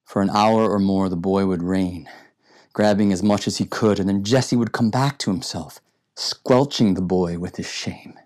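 Low voiced guy reading a novel, measured and reflective. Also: darkish tone. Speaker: audiobook narrator. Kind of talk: scripted narration.

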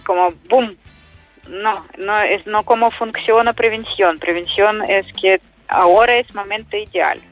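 A woman with a Russian accent explains conversationally in halting, non-native Spanish, often dropping small words. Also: mid-range voice, fairly even intonation, no room sound, soft background music, poor audio. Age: adult mother. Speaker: health product entrepreneur, interview guest.

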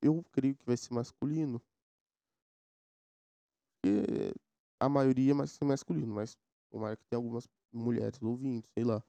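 A man in his 20s from São Paulo, Brazil, hosts a casual solo podcast, rambling in slang from one topic to the next. His mid-range voice is gravelly and mellow, moving at a normal speed with frequent pauses. The dry recording comes from a home setup with a mechanical keyboard, captured through a sound card.

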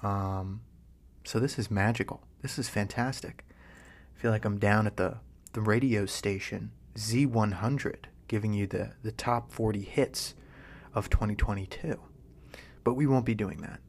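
A man hosting a casual solo podcast, playful and mock-sultry, talking close into the microphone right in the listener's ear and often dropping to a breathy whisper. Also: lowish voice, unhurried. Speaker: podcast host. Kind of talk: casual chat podcast monologue.

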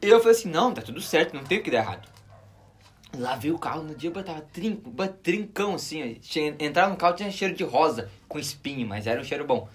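A young man from Rio Grande do Sul with a southern Brazilian accent co-hosts a podcast, telling a story in slangy, animated casual chat. His voice is fairly high and he talks fast.

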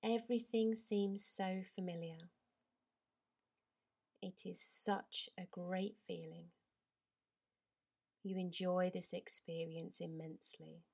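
Woman yoga teacher for guided relaxation; slightly low, breathy tone, very slow, soothing delivery with whispered lines. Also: steady tone, dark tone.

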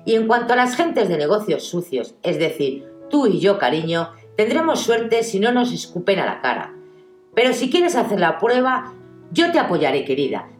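A woman reading aloud as a wealthy, sardonic, domineering husband, stressing each word with mocking deliberation. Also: lowish voice. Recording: echoey room with faint music.

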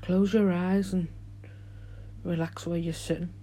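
A man speaks as a meditation guide, soft and hushed. His tone is mellow and relaxed, with very little rise and fall. He goes slowly and soothingly, leaving long gaps between phrases. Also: sits high. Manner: soothing, gentle, drawn-out delivery with long pauses. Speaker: podcast host and meditation guide.

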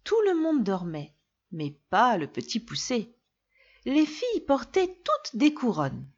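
A woman reads a fairy tale aloud in a clear, expressive storytelling style. Her pitch rises and falls a great deal as she narrates. The recording sounds dull and lo-fi. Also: slow.

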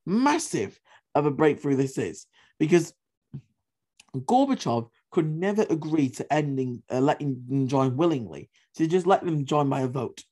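A man with a fairly high, mellow voice hosts a history podcast. He talks in an emphatic, opinionated way, hammering home his points by repeating them and dropping the odd curse word. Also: expressive, normal speed. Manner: emphatic, repeats points for stress, swears casually. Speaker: podcast host.

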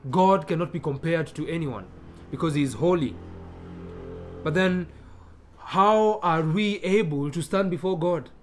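Male pastor, slightly high voice; sermon delivery, scripture reading into emphatic preaching with hesitations. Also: a little slow, long pauses, a little hiss or hum. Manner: reads scripture aloud, then preaches with rising emphatic bursts; frequent hesitations and repeated words.

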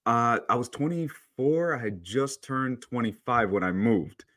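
A man's voice: mid-range voice, unhurried. A man in his thirties, born in El Salvador, telling his story as a photographer guest in a casual interview. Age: 30s. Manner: chatty, storytelling, relaxed.

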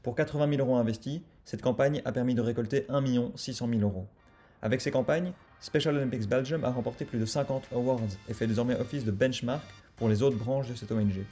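A man hosting a podcast, introducing the episode and questioning his guest in a brisk, informal way. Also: mid-range voice, dark tone. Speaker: podcast host.

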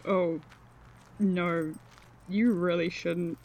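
Man acting a slow-talking, candid young friend. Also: sits high, fairly even intonation, vocal fry, a little mellow, a little hiss or hum, full character voice. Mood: concerned. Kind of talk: naturalistic audio drama acting.

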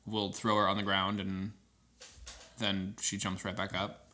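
A man's voice: sits low, monotone, a little slow, pushed and bright, slight background noise. A man co-hosting a podcast in casual chat, rambling with fillers and laughing easily. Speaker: podcast co-host.

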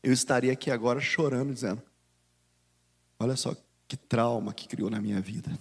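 This bishop, Brazilian-accented, delivers his sermon fast in a medium-pitched, husky voice with a long reverb tail. His tone is lively and chatty, and he repeatedly addresses the congregation as "dear."

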